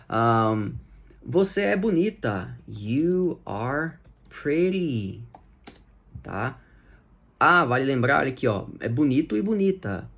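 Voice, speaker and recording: A man with a Brazilian Portuguese accent teaching English grammar, patiently repeating example phrases slowly. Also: on the high side, slightly rough.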